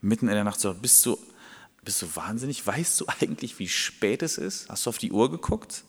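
A man's voice: lowish voice, expressive, normal speed, husky, big-room sound. A man acting out an irritated man, woken at midnight by a friend, who scolds him for knocking. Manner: irritated, scolding, hushed at times.

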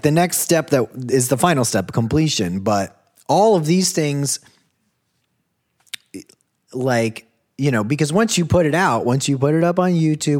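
A man in a casual podcast conversation about songwriting, rambling and relaxed with lots of fillers. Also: mid-range voice. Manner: relaxed, rambling, many fillers and "you know".

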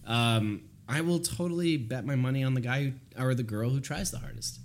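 A man's voice: medium pitch, a little fast, noisy background. A man co-hosting a casual podcast chat about films, telling stories animatedly and swearing freely. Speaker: podcast co-host.

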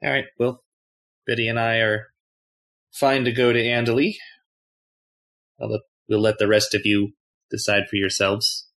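A man's voice: on the low side, flat delivery, measured pace, long pauses, a bit bright. A man playing a tabletop game, casually narrating what his character does and says. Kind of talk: casual role-play narration.

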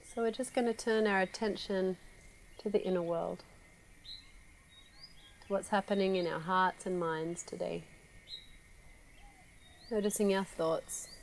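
A woman guiding a relaxation meditation, speaking slowly and softly with long pauses. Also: fairly low pitch, gravelly, slight background noise. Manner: slow, soft, calm with long pauses. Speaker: meditation guide.

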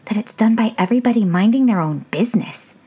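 Woman doing a polite, curious girl, bright and lilting, slightly husky. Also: medium pitch, animated, fast talker, pitched above the performer's own voice. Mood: earnest. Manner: polite and earnest.

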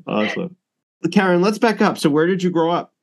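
A man hosting a percussion podcast, talking in a casual, rambling way with many restarts. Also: sits high. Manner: rambling, with frequent restarts and laughs.

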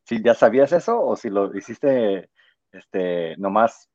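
Low-voiced Mexican-American man, casual. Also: expressive, takes it slowly, darkish tone, no echo. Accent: Mexican-American Spanish. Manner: casual, drops English words in. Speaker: podcast co-host. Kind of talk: casual podcast chat. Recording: dry, dull lo-fi sound.

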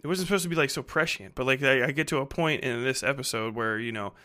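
A thirtysomething podcast host who also writes fiction goes on an unscripted, rambling monologue, quick-paced with a bright, forceful mid-range voice. He's blunt and slangy and swears constantly in a casual way.

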